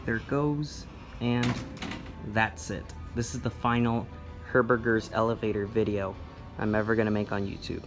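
A man narrating a handheld walkthrough of a store elevator, slow and enthusiastic, recorded on a phone indoors. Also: fairly low pitch, steady tone, music in the background. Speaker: elevator video vlogger. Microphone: phone camera held in hand.

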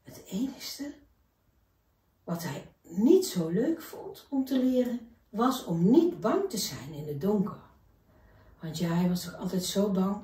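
A woman reading a children's story aloud in a gentle, expressive way. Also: medium pitch, measured pace, recorded from a distance. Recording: echoey room, voice from afar.

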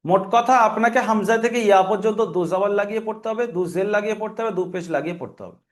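A man's voice: sits high, fast. A male teacher with a Bengali accent giving a recorded reading lesson, patiently spelling out letters and repeating drills.

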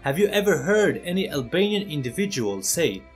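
A man's voice: a little high, very animated, moderate pace, faint music behind. A man hosting an opinion video as a voice-over, earnest and persuasive, speaking straight to his viewers. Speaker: channel host.

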